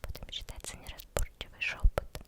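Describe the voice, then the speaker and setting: This is a hushed ASMR performer reading tongue twisters entirely in a whisper. The delivery trips over hard words and goes back to repeat syllables and phrases. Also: moderate pace. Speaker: ASMR creator.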